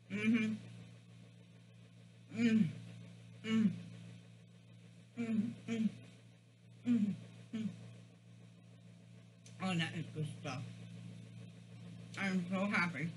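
A man's voice: high-pitched, steady tone, drawn-out words, long pauses, a little hiss or hum, low-quality recording. A man talking with his mouth full as he eats on camera, humming and murmuring while he savors the food. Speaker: mukbang vlogger. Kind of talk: casual eating vlog.

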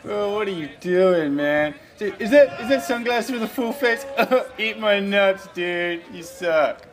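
A man's voice: high-pitched, expressive, takes it slowly, pitched above the performer's own voice. A man voicing a mocking, incredulous heckler who taunts bike riders in a comic voice-over.

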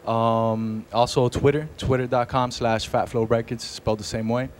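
Laid-back young man, halting speech. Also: medium pitch, steady tone, slight background noise. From Venezuela. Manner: hesitant, full of fillers, laid-back. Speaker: guest hip hop artist. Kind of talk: casual interview. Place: outdoor rooftop.

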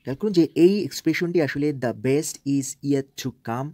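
A man teaching English by reading newspaper phrases aloud, explaining them slowly and repeating key words. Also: on the high side, warm tone, no echo.

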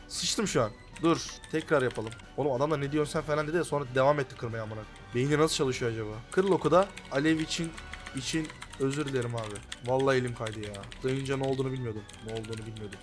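A young man giving live commentary on his gameplay, excitable and swearing constantly, with sudden loud outcries. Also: mid-range voice. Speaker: gaming YouTuber.

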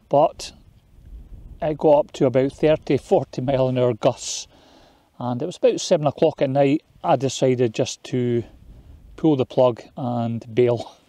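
A man's voice: on the high side, no echo. Man chatting casually while camping. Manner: relaxed, chatty, matter-of-fact. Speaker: outdoor vlogger. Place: outdoors by a tent on moorland and inside a tent at night.

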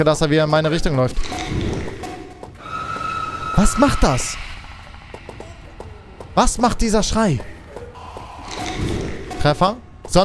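A young man with a high voice that swings wildly up and down. He jokes, yells and laughs his way through a horror game. Game music plays clearly underneath. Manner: loud, jokey, shouts and mock screams. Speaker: gaming streamer. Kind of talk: excited gameplay commentary.

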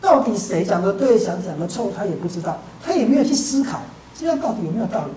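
A woman teaching a Buddhist dharma lecture, telling a story with frequent drawn-out fillers. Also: medium pitch, big pitch swings, warm tone. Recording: roomy hall, distant mic, faint hiss.

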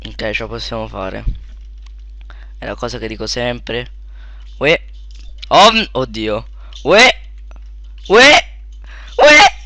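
A young man giving casual let's play commentary, shouting at sudden deaths and then muttering quietly to himself, close to a desk mic. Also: slow pace, pauses often, no echo. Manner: excitable, yelps and shouts at in-game deaths, then mutters low.

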